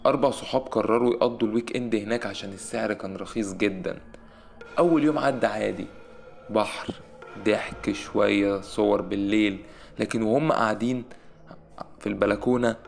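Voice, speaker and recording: A man with an Egyptian Arabic accent narrating a scripted horror story in a suspenseful way, with dramatic pauses. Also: lowish voice, creaky.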